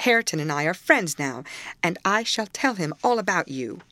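A woman narrator plays a reckless young lady of a storybook, proud and quick to defy. She taunts boldly and will not give up her point. The recording is close and dry. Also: sits high, lively intonation, bright, forceful tone, no room sound, voice pushed up. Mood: defiant. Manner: bold, taunting, insistent.

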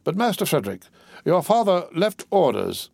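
A man's voice: high-pitched, big pitch swings, moderate pace, gravelly, darkish tone, breathy edge, no room sound, pitched above the performer's own voice, full character voice. A man voicing a stately butler who answers briefly and formally. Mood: deferential. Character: stately, reserved male butler.

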